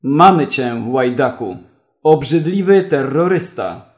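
A man voicing a brash male prisoner who shouts out loud, excited accusations in a read-aloud story. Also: a little high, unhurried. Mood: shouting.

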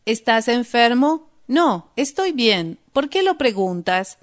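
Slow-reading woman narrator for learners. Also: on the high side, very animated. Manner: slow, deliberate, clear. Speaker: story narrator and language teacher.

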